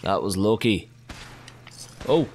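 A man giving casual let's-play commentary as he plays, swearing heavily and breaking into excitable outbursts. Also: fairly low pitch, slow, faint music behind. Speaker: gaming commentator.

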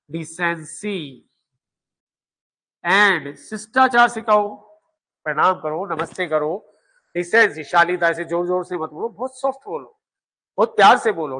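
Guy teaching a class, fairly high voice, keeps hammering points home, asks and answers his own questions. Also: sharp tone. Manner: emphatic, repetitive drilling, rhetorical questions. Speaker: law exam coaching teacher. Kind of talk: classroom lecture.

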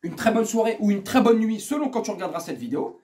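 Ranting vulgar football vlogger, high voice. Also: male voice, big pitch swings, fast. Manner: vulgar, ranting, swings from muttering to shouting. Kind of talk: angry football rant. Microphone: earphones mic.

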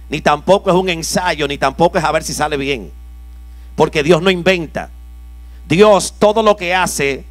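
A male pastor preaches in a fairly high voice, calling on the congregation to answer back and slowing down to read scripture low and soft. His voice is close and dry on the mic. A faint mains hum runs underneath. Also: no room sound. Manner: preaching with call-and-response prompts to the congregation; reads scripture slowly, dropping low and soft. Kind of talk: sermon. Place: church conference hall.

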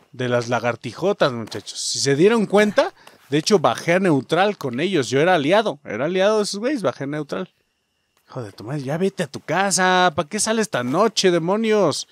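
A young man with a Mexican accent giving casual, jokey gameplay commentary, swearing freely and talking straight to his viewers. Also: fairly high pitch. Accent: Mexican Spanish. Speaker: gaming streamer. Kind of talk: casual let's-play commentary.

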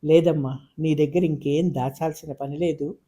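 A man voicing an anxious, tender middle-aged father in a storybook reading, speaking in a hushed, hesitant way. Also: fairly high pitch, steady tone, moderate pace, lightly acted.

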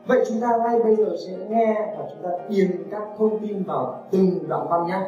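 A woman teaching an online English lesson, patiently repeating model phrases slowly for learners to copy. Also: mid-range voice, warm tone, highs cut off. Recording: echoey room, mic at a distance, faint music.

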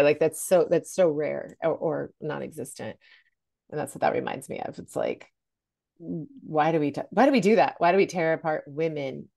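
A middle-aged woman co-hosts a podcast over a video call, chatting freely and sprinkling in plenty of fillers like "like" and "you know". Her voice is low, creaky and dark in tone.

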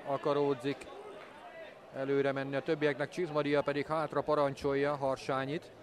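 A man giving measured live commentary on a football match. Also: medium pitch, completely flat delivery. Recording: crowd noise from stadium. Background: stadium crowd.

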